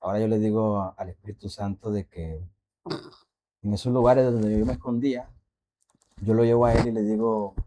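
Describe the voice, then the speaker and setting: A man on a faith podcast telling a personal testimony in a halting, reflective way, asking the listeners questions. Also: on the low side, steady tone, warm tone. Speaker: podcast co-host.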